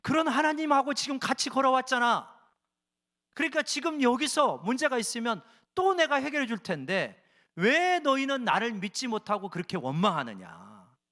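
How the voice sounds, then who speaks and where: God speaks as a stern father reproaching his people, as a male preacher puts him on mid-sermon. The questions come pointed and insistent, in a high voice with wide, lively swings of pitch. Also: normal speed, heavily acted. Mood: reproachful.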